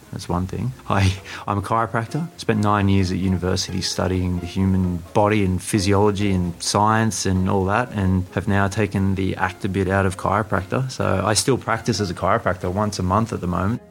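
A man actor answers an interview question in a relaxed, humorous way. His voice is low and gravelly, with faint music behind.

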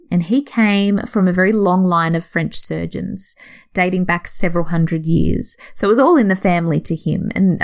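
Woman host, lower voice with some fry, chatty and explanatory, lesson-style delivery. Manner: explanatory, conversational, self-correcting. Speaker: podcast host. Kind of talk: educational talk.

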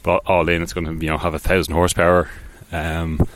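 A man with a very deep, low voice chats loosely through a solo podcast. He wanders and hesitates, filling gaps with ums and false starts, and often makes light of himself. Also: flat delivery, a little fast, a little hiss or hum. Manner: rambling, hesitant, many ums and restarts; offhand and self-deprecating. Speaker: podcast host. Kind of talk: casual solo podcast about cars.

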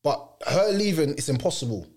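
A man's voice: on the high side, big pitch swings, brisk, a little mellow. A young man with a London accent and roadman slang, chatting casually as a podcast host. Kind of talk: casual chat.

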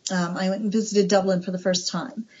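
Husky American woman, gushing author. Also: mid-range voice, level tone, fairly quick, a little mellow. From United States. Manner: gushing, chatty, laughs often. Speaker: author guest. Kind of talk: casual interview chat. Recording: dull lo-fi recording.

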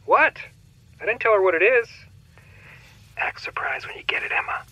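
A man's voice: sits high, animated, fairly quick, pushed and bright, no room sound, highs cut off, heavily acted. A man playing a playful young father leaving a recorded message for his daughter.

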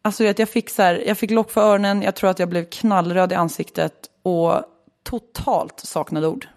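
A woman's voice: mid-range voice, fairly even intonation. A woman in her late twenties from Sweden, telling a personal story in casual chat, candid and swearing freely. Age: 20s.

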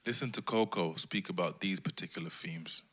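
A man hosting a podcast, introducing guests with lively, effusive, slangy remarks. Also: deep voice, normal speed, husky. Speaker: podcast host.

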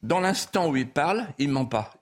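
A man's voice: a little high, lively intonation, moderate pace. An older man, a guest author on a talk show, speaking hesitantly and repeating words as he tells a story.

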